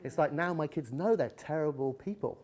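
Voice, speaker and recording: A man's voice: on the high side, fairly quick. A man giving a candid live talk, telling personal stories and acting out retellings. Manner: candid storytelling, animated retellings. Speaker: guest speaker. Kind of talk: live talk with audience chat.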